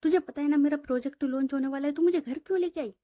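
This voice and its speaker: A woman voicing a stubborn, quick-tempered young female boss who scolds and protests. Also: high voice, dark tone, no echo, clean studio sound, lightly acted. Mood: angry. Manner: scolding, indignant.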